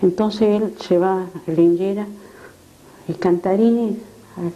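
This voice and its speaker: A woman's voice: medium pitch, measured pace, highs cut off. Older woman telling stories. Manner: animated, acts out quoted voices. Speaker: retired schoolteacher interviewed. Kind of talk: storytelling in an interview.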